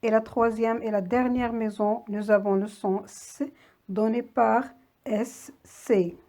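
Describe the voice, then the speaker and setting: With a dark tone and fairly even intonation, a woman's slightly high voice guides young children through a slow reading lesson. She deliberately spells each word out in syllables, sounding like a voice-over.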